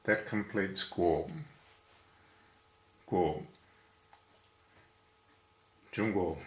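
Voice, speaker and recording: A man's voice: on the low side, echoey room. A man teaching Chinese character strokes, patiently explaining each one step by step. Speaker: language teacher. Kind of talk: calligraphy lesson, step by step.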